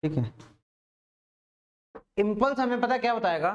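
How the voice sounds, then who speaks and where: Male physics teacher with a raised voice pitch, informal lecture style, keeps quizzing the class. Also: lively intonation, normal speed, lo-fi sound. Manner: casual, repeats questions to the class.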